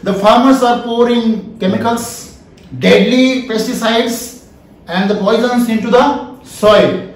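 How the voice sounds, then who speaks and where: Man, Indian accent, high voice, emphatic interactive lecture, repeated key phrases, strong room echo. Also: steady tone, slow pace. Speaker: trainer, lecturer. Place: small wood-panelled indoor training room. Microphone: camera a few feet away. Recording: very echoey room, mic at a distance.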